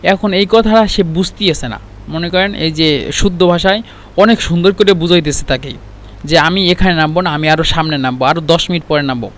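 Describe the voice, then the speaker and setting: A man's voice: fairly high pitch, fairly quick, a bit bright. A man giving a casual Arabic lesson, chatty and full of restarts. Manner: chatty, with many fillers and restarts. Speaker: Arabic language teacher. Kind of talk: casual spoken lesson with an anecdote.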